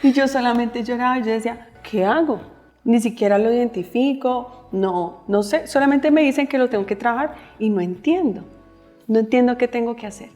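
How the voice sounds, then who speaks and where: A woman with a Colombian accent, a guest on a faith podcast, telling her story with lively acted-out quotes. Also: on the high side, fairly quick, soft background music. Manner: animated storyteller, acts out quotes, laughs often. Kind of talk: casual faith-based podcast chat.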